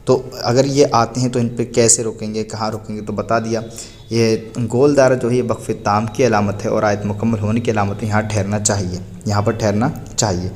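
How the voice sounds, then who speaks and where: Patient male teacher spelling slowly. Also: lowish voice, fairly even intonation, darkish tone. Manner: spells words out slowly, letter by letter; patient, explanatory, asks and answers his own questions. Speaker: Quran reading teacher. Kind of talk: recorded lesson.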